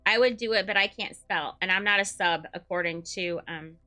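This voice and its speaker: A man streaming a game through a voice changer that makes him sound like a woman, excitable and swearing as he plays. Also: high voice, brisk, faint music behind, pitched above the performer's own voice. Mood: playful. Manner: excitable, swears often, talks to himself while playing. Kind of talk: casual live-stream chatter.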